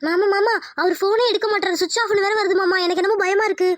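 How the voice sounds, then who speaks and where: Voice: very high voice, steady tone, fast talker, dry recording. A performer voicing a frantic young village wife in a cartoon drama, crying out shrilly. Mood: worried. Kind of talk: Tamil cartoon drama voice acting.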